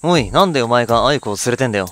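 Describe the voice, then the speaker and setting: A man voicing a rough, hot-tempered village father, speaking bluntly while reading game dialogue. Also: medium pitch, expressive, rapid-fire, a bit bright, natural voice. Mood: gruff.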